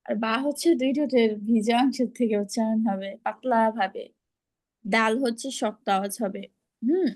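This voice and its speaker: A woman's voice: fairly high pitch, normal speed, a little mellow. A woman teaching pronunciation in an online class, patiently explaining and modeling each sound over a video call.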